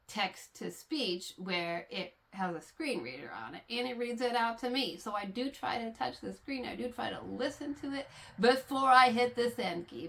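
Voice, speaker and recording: Speaking to camera, a woman knitting vlogger explains things patiently and casually, dropping frequent fillers. Her pitch is fairly high and a bit bright, and allergies leave her sounding slightly congested.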